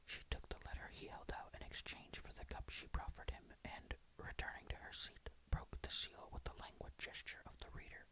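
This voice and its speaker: A person reading a ghost story aloud in a breathy whisper, hushed and suspenseful, close to the mic. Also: normal speed, few pauses, low-quality recording.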